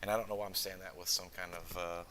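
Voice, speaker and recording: A man's voice: sits low, flat delivery, fast, very noisy. A man from Northeast Texas hosting a casual interview, chatty and jokey, rambling a bit. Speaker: podcast host. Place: school campus room.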